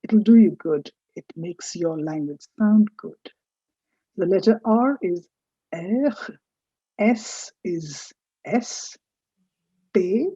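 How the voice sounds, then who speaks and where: Slow, mellow-voiced woman teaching French. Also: lowish voice, breathy edge, no room sound, lo-fi sound. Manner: slow, deliberate, stressing each letter sound. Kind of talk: recorded lecture.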